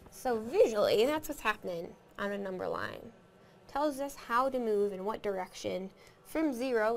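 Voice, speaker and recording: A woman's voice: mid-range voice, vocal fry. A woman teaching a recorded math lesson, explaining step by step, counting aloud and asking the class questions.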